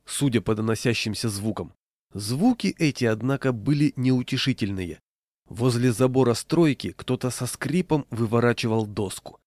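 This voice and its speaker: A man's voice: mid-range voice, darkish tone, dry recording. Man reading a wry story, close and dry. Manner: wry, humorous first-person telling. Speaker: narrator.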